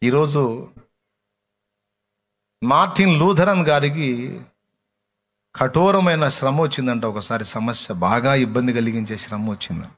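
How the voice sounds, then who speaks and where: A man preaching a sermon in a colloquial storytelling style, swinging between vivid, raised retelling and soft, hushed passages. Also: mid-range voice, a little slow, long pauses.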